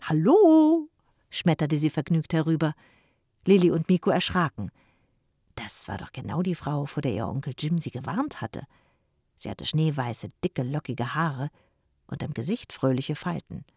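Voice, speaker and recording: Calm, even-paced audiobook narrator, mid-range voice, dry close-miked studio read. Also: mid-range voice, slightly rough, dry recording. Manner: even, measured storytelling.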